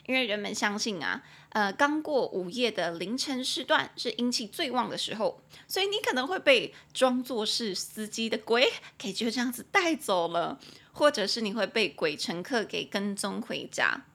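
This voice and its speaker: A bright, clear-toned woman with a Taiwanese Mandarin accent teaches English on a podcast. Her talk is lively and playful, with giggles along the way. She slows down to read each English sentence out carefully. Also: on the high side. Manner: lively and giggly, reads English lines slowly. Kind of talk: bilingual language lesson podcast.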